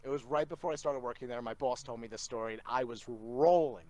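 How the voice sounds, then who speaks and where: A man, a podcast guest, telling funny stories in an animated, laughing way over a remote call. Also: medium pitch, quick pace, no room sound. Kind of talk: casual storytelling.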